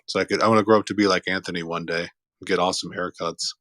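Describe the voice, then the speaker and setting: A man hosts a casual online chat with plenty of enthusiasm and easy laughter. His voice sits low, with a bright, sharp edge. The sound is dry and close. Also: fairly even intonation, fast, dry recording. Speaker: host. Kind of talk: casual chat on an audio room.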